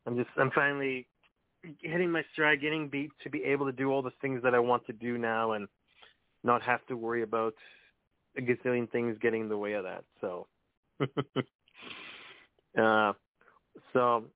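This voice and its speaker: A man's voice: mid-range voice, smooth, no echo. A man calling in to a radio show over the phone, chatting casually and laughing easily, then reading his poems aloud. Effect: heard over a phone line on a radio show. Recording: tinny phone line, dry.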